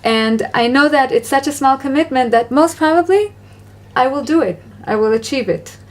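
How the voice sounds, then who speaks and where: A woman hosting a casual Q&A conversation, talking about parenting in an earnest, reflective and gently encouraging way. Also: sits high, expressive, moderate pace. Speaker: parenting advice host.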